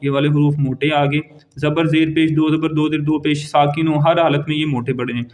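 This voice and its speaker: A man teaching Quran reading, slowly drawing out each Arabic letter three times and giving brief explanations in between. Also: a little high, level tone, a little mellow. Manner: slow, drawn-out repetition of each letter, three times over; quick plain explanations between recited letters. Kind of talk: letter-by-letter recitation lesson.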